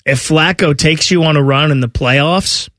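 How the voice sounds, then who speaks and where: Brief: male sports radio co-host, higher-pitched and forceful, conversational debate, dry studio sound. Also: moderate pace, no room sound.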